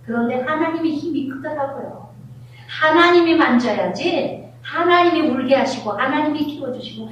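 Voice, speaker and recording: A middle-aged woman pastor preaching a sermon, telling family stories with animated, acted-out scenes. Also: high voice, a little hiss or hum. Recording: very echoey hall, voice from far off.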